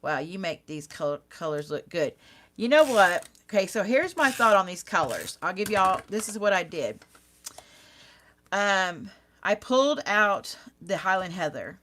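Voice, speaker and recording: The card-making host has a mid-range, slightly bright voice, very animated yet unhurried. She leads a live demo, chatting casually with her audience while teasing herself and laughing.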